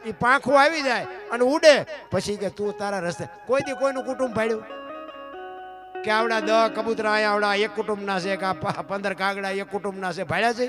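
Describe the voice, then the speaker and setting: A man's voice: high voice, steady tone, fairly quick, over music. A man giving a folk moral discourse to a gathering, firing rhetorical questions at his listeners and calling them "bapu". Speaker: folk storyteller at a dayro gathering.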